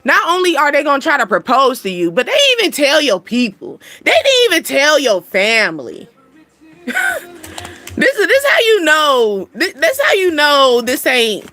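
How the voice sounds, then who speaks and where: Bright high-voiced woman reading cards bluntly. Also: huge pitch swings, moderate pace. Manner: slangy, blunt and playful, laughs often. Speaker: spiritual card reader and channel host. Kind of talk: casual card reading to viewers.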